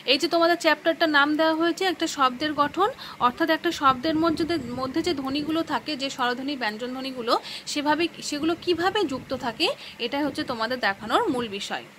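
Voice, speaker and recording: A woman teacher with a high, bright voice talks through a grammar lesson, sounding out words syllable by syllable. She keeps asking questions and answering them herself. Faint noise hums behind her. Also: fast talker, low-quality recording. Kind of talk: classroom lesson explaining grammar.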